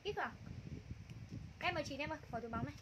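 High-voiced woman selling clothes live. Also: expressive, very fast, background noise. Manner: repetitive, calls out prices and codes, gushing. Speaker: livestream clothing seller. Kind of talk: live sales pitch.

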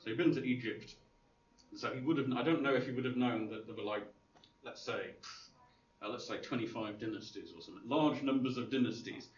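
Heard from a distance in a roomy classroom, a brisk, medium-pitched man lectures informally, rambling with lots of fillers, restarts, and dry wit. The room recording sounds dull and lo-fi with a faint hiss.

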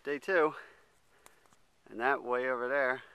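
A young man talks to his handheld camera out on a mountain trail, his voice bright and crisply clear. He narrates in an easygoing, joking way. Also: mid-range voice, fairly even intonation, slow. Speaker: hiker filming a trip. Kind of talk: casual vlog narration.

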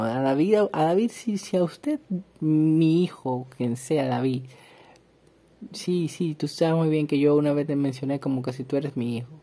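A man reads a psalm aloud, then comments on it in an emphatic manner with animated asides, repeating words for stress. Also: fairly high pitch. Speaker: Bible reader and preacher. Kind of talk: scripture reading with sermon commentary.

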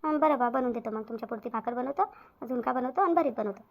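A woman's voice: fairly high pitch, fast, creaky. A woman voicing a hardworking, patient young daughter-in-law in a cartoon, placating. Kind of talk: cartoon voice acting. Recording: dull lo-fi audio.

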